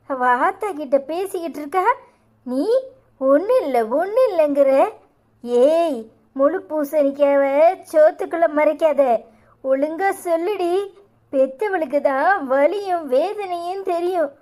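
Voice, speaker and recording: A woman's voice: sits high, measured pace, a little mellow. A woman voicing an angry middle-aged mother-in-law in a cartoon, scolding and accusing with a Tirunelveli Tamil accent. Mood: furious.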